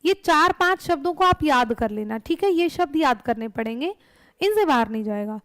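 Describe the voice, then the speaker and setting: A woman with a high voice teaches a grammar lesson for an exam class. She works through each rule step by step, asks a question and answers it herself at once. The sound is dry and close, with no room around it. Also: animated, moderate pace, dry recording.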